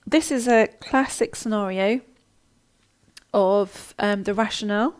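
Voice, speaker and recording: A woman's voice: mid-range voice, measured pace, clean tone. A woman hosting a live online coaching session, talking casually with lots of ums and restarts as she reads and answers viewer comments. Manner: chatty, warm-hearted, many ums and restarts.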